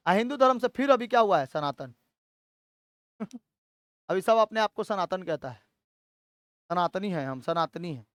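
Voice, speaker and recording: A man's voice: high voice, animated, measured pace, long pauses, a bit bright, no echo, studio quality. A male teacher gives a history lecture. He keeps asking the class questions, answers them himself, and checks in with "theek hai" all the time.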